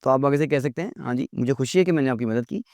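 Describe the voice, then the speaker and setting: A man's voice: medium pitch, quick pace, a little mellow, no room sound, clean studio sound. Earnest man teaching an English lesson. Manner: earnest, repeats words for drill.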